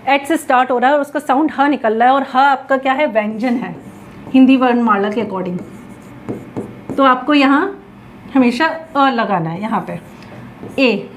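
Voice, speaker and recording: High-voiced woman teaching grammar. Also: measured pace, pauses often, slight background noise. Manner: asks the class questions and answers them herself. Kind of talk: classroom lesson in Hindi mixed with English.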